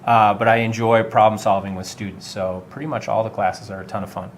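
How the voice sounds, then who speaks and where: A man's voice: lowish voice, steady tone, fairly quick. Chatty middle-aged man from Vermont. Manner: friendly, many filler uhs. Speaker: high school technology teacher. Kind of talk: casual interview answers.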